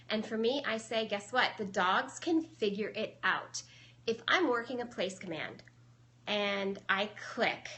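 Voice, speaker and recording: A woman's voice: medium pitch, fairly bright tone. A young adult woman, a dog trainer, casually explaining her methods on a live stream and answering viewers, chatty with many fillers.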